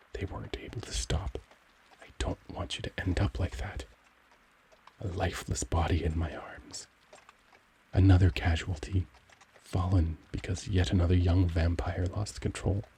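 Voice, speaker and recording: In an intimate ASMR roleplay, a man plays a gentle, cultured young vampire, speaking formally and tenderly as he struggles for control. His manner is courtly and brooding, his voice sits low, and there's slight background noise.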